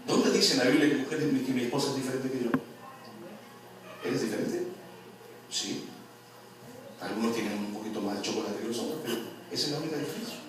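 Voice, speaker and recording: Male pastor, mid-pitched, preaches with humor and questions, heard from afar in a booming, echoing room. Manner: lively, jokes and quizzes the congregation. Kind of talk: sermon. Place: church hall. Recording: very echoey hall, from far off.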